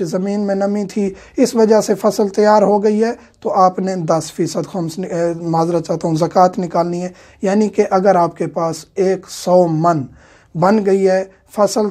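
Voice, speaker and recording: Man giving a mellow religious lecture. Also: sits high. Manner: explanatory, steady, with many filler sounds. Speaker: religious teacher.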